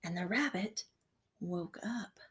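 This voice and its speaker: A woman kindergarten teacher reading a picture book aloud to her class, gentle and expressive, sometimes dropping to a soft whisper. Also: on the low side, slow pace, husky. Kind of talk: storybook read-aloud for children.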